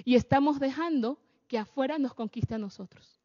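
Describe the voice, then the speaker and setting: A woman with a high voice delivers a sermon-style talk. She keeps turning to her audience with questions. Her voice rings with a long hall echo and the sound is dull and lo-fi. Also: normal speed, warm tone.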